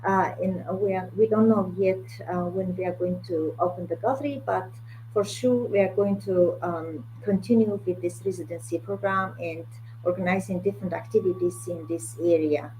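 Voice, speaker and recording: A woman's voice: lowish voice, fairly even intonation, normal speed, warm tone, rough recording. A woman with a Mongolian accent speaking English as a second language, hesitant and searching for words as a guest in an online talk. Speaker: guest, art curator. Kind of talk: online talk about own work. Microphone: video call. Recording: video call with faint noise and hum.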